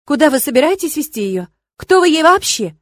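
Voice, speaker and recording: A woman's voice: high voice, sing-song, fairly quick, a bit bright, no room sound, pitched above the performer's own voice. A woman gives voice to a brave young mentalist in an audiobook romance. She is proud, protective and indignant. The read is dry and close.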